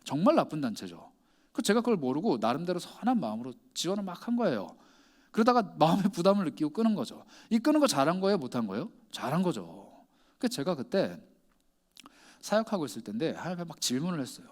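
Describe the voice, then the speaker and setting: Animated Korean pastor man preaching. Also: fairly high pitch, fast talker. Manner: animated rhetorical questioning of the congregation. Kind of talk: sermon.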